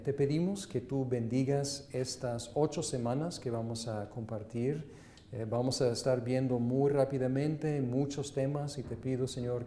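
A man teaching a seminary class, speaking in a measured way with many fillers. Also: mid-range voice, dark tone, reverberant, a little hiss or hum. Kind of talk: leading a class and prayer.

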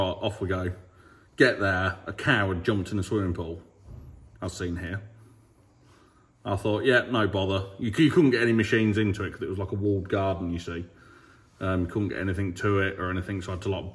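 A fairly low-voiced man in his thirties chats to his phone camera around a farm yard. He tells stories in a casual, joking, matter-of-fact way, and the sound carries the closeness of a phone held at arm's length. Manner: chatty, jokey, matter-of-fact storytelling. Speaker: farmer vlogger. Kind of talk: casual vlog chat. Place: outdoors in a farm yard and indoors in a workshop. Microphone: handheld phone at arm's length.

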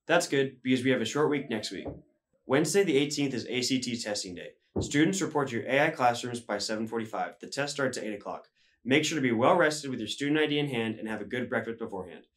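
A man's voice: medium pitch, lively intonation, fast talker. A teenage boy reading the school news announcements as a student anchor in a studio. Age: teens. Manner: upbeat, reads announcements.

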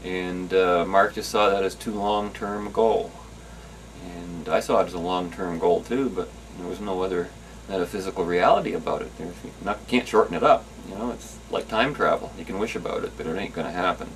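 A low-voiced man reflects in an interview, pausing over his words. He sits a little off-mic, and faint noise sits behind him. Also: distant mic, rough recording. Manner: hesitant, with fillers and restarts.

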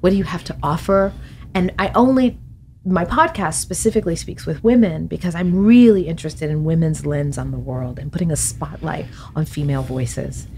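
With a deep voice at normal speed, this middle-aged woman, an author on a podcast, speaks reflectively in a studio interview. Thoughtful, she laughs often and her hands are animated as she talks. A boom-arm studio mic records her, with a slight hiss or hum present.

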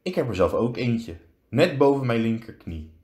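Man doing an old wise wizard, low and quiet, slow. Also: very animated, roomy sound, close to an everyday voice. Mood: calm. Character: old wise male headmaster wizard, calm.

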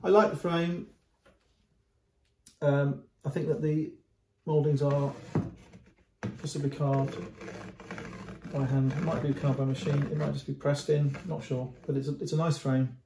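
A middle-aged antiques dealer with a higher voice and little pitch movement speaks slowly, pausing often, as he presents a painting unscripted to the camera. He gestures at the canvas, frequently repeating words and restarting. The camera is close, the home room gives a roomy echo, and the background is noisy.

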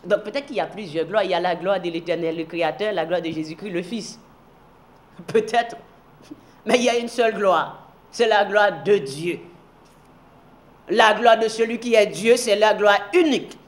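A man with a strikingly high voice teaches the Bible on television. He reads scripture aloud and turns to the viewers, then swings from loud emphatic declaring to hushed, low asides. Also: normal speed, long pauses.

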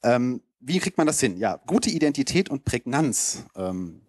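A man with a medium-pitched, darkish voice gives a casual, loose, rambling keynote at a conference, speaking a little slowly with big swings in pitch. It's an informal slide presentation delivered from a lecture hall stage to an audience. He holds a handheld mic close, and the recording sounds dry.

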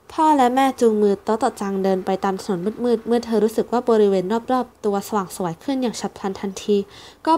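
A woman narrating a storybook in a steady, careful read-aloud manner. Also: a little high. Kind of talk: storybook reading.

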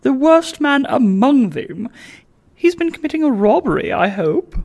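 A haughty old noblewoman, put on by a man reading a storybook aloud, speaks in a shrill voice pitched far above his own. She sounds scandalized and snobbish, her words lifted high and thin. The reading is slow and measured. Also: sing-song, creaky, darkish tone, exaggerated voice. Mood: eager. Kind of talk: audiobook reading.

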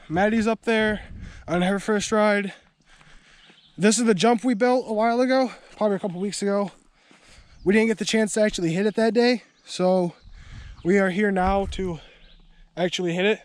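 A young man casually vlogging outdoors at a dirt bike jump, chatty and upbeat, out of breath. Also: high voice. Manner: laid-back, chatty, upbeat.

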